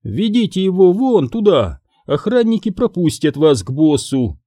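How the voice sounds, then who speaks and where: A man's voice: high voice, very animated, measured pace, mellow, no room sound, pitched above the performer's own voice, heavily acted. A male audiobook reader voicing a cheeky, playful old woman who runs a bar. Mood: teasing. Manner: playful, teasing.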